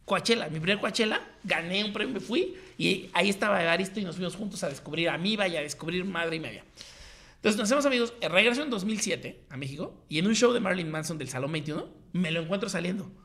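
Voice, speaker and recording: Slangy Mexican man, gravelly and bright. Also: high-pitched, fast. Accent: Mexican Spanish. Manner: slangy, animated, acts out quoted voices. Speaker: guest telling his story. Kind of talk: casual storytelling chat.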